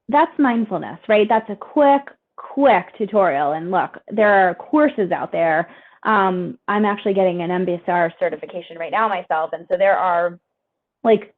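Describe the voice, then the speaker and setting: A woman in her forties leading a guided meditation and a wellness webinar, soft and soothing when guiding breaths, then encouraging as she explains. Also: medium pitch. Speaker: wellness presenter. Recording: tinny phone-like webinar audio.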